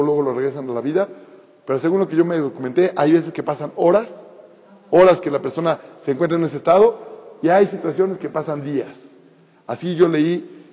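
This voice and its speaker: A man's voice: fairly high pitch, darkish tone. A man giving an informal storytelling talk, who repeats words and phrases for emphasis. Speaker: speaker telling a story. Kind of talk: informal spoken storytelling lecture. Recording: reverberant hall, dull lo-fi sound.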